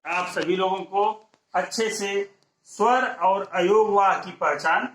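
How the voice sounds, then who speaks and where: A man giving an explanatory lesson as a teacher. He poses questions and then answers them step by step, drawing out each example sound clearly. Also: high-pitched, slow pace, fairly bright tone. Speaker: Hindi teacher.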